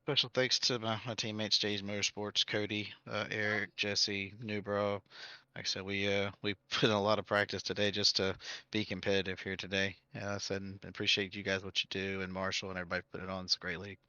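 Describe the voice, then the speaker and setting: A male race driver giving a post-race interview in halting, filler-packed answers. His voice is very low yet bright and forceful, heard through a dull, lo-fi mic with dry sound. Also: flat delivery, clean tone, dry recording.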